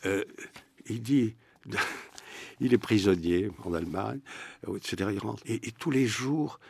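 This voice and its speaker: A man speaks in a very low, husky voice, restarting sentences often as he talks in a lively way. He sounds like a guest writer in a radio studio, and the dry sound is close to the mic. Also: a little slow, no echo. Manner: lively, many restarts and fillers. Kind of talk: animated studio conversation.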